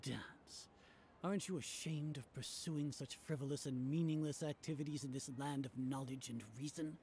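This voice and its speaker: A man's voice: fairly high pitch, steady tone, normal speed, darkish tone, slight background noise, lightly acted. An actor voicing a haughty older male scholar leader in a dubbed game, lecturing with contempt. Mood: contemptuous. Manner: condescending, lecturing.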